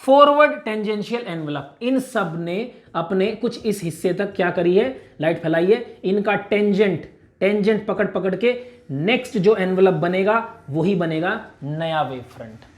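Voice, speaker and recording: A male physics teacher giving an energetic exam revision lecture, playfully asking and answering his own questions and slowly repeating key phrases. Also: high-pitched.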